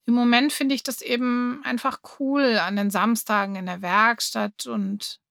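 A woman's voice: fairly high pitch, steady tone, measured pace, creaky, fairly bright tone, no echo, studio quality. A woman voicing a shy stammering schoolboy. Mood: thoughtful. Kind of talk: audiobook reading.

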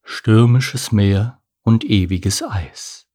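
A man's voice: lowish voice, drawn-out words, mellow. A man reading a storybook and voicing a taciturn, clumsy male albatross who answers in as few words as possible. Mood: terse.

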